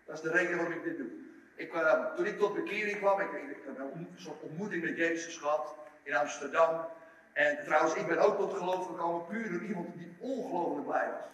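A man preaching a sermon, lively, acting out the story in voices. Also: a little high, a little fast. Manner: animated, acts out the story in voices. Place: large church hall. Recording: echoey hall, from far off.

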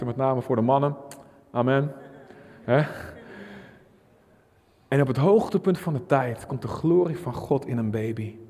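A man preaching a sermon with passion, dropping to a hush and then rising to a shout. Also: medium pitch. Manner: passionate, swings from hushed to shouting. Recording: long hall reverb.

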